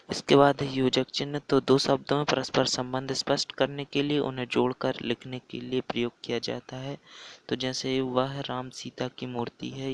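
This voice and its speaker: A man's voice: mid-range voice, vocal fry, low-quality recording. A man explaining a school grammar and letter-writing lesson step by step, plainly and methodically. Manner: plain step-by-step explaining, often starting lines with "so". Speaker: teacher.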